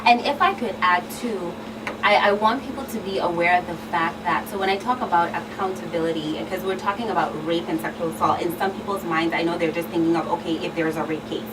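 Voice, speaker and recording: A woman in her thirties, appearing as a guest expert on a talk show, explains things earnestly in a panel discussion using everyday examples. Her voice is fairly low and she talks fast, picked up by a distant mic in a clearly noisy room.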